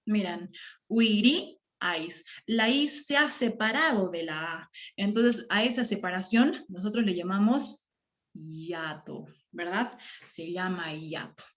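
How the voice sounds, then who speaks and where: A woman's voice: mid-range voice, expressive, a little slow, a bit bright. A woman teaching a grammar lesson to her class, stretching words out syllable by syllable and checking in with short questions.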